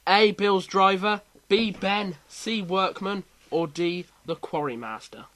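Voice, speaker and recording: A man hosting a casual quiz chat, reading out questions with lively emphasis. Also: sits high, slow pace. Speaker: quiz host.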